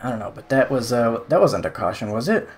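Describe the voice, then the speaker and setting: A man's voice: mid-range voice, big pitch swings, fairly quick. A young man giving casual, sarcastic commentary over a sim racing replay, exasperated at the calls.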